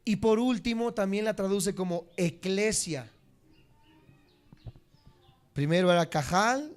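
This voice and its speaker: High-voiced preacher teaching a congregation. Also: male voice, clear, resonant tone. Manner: addresses the congregation directly, repeats key words for note-taking; swings between emphatic high peaks and dropped low endings. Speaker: Bible teacher. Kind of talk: church teaching sermon.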